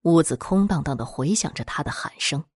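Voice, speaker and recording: A woman narrating a scripted horror story in a dramatic, expressive storytelling manner. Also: deep voice, brisk, breathy edge, dry recording, clean studio sound.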